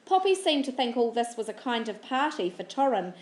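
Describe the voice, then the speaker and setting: A woman reading a children's novel aloud in a steady, clear storybook narration. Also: on the high side, fairly quick, roomy sound. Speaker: audiobook reader.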